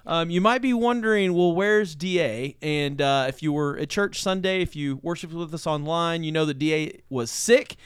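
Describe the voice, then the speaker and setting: A middle-aged man with a smooth, clear voice pitched a little high hosts a relaxed talk. He speaks as a pastor, loose and rambling, with a joking warmth of tone and plenty of fillers. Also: moderate pace, few pauses. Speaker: pastor and podcast host. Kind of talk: casual chat.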